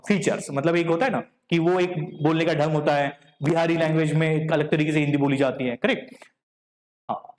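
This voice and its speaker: High-voiced man teaching. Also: roomy sound. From Vidarbha, Maharashtra. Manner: checks in with the class often, asking "correct?" and "clear?". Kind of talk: classroom lecture in Hindi mixed with English. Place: classroom.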